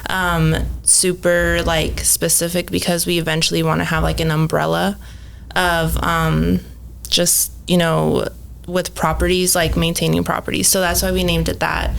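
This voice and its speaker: A woman in her thirties, from Mexico and raised in Phoenix, owns a cleaning business and chats casually as a podcast guest in an interview, with lots of ums and likes. Her voice is fairly low, level, and gravelly, at a normal speed.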